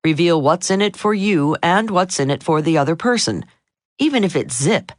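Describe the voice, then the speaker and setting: A woman narrating a self-help audiobook in a steady, measured reading voice. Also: on the low side, dry recording, clean studio sound. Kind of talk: scripted narration.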